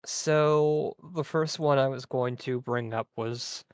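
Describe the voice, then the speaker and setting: Podcast co-host, rambling and deadpan, mid-pitched, dry close-miked sound. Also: clean tone, dry recording. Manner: rambling, quick deadpan asides. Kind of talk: casual chat.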